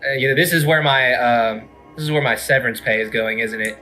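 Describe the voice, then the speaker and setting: A man with a bright, forceful voice chats through a game. He is casual and sarcastic, tossing out jokes, with music playing behind him. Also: mid-range voice, a little fast. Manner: sarcastic, wisecracking. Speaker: game commentator. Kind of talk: casual joking gameplay commentary.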